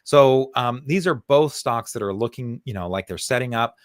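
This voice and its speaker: A man walks through stock charts at an everyday mid pitch, trading in steady, conversational analysis. He circles back on his words and leans on fillers as he thinks aloud. The sound is dry and close, with no room around it. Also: normal speed, no room sound. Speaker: co-host, stock market analyst.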